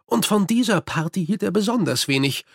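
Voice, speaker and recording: Man narrating an audiobook, measured. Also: high-pitched, expressive, gravelly, husky, no echo, clean studio sound. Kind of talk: scripted narration.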